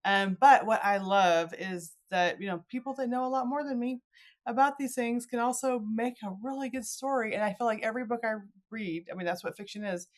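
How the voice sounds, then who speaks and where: A middle-aged woman with a fairly high voice hosts a casual, chatty podcast, speaking a little fast. Informal in manner, she acts out remarks people might imagine saying.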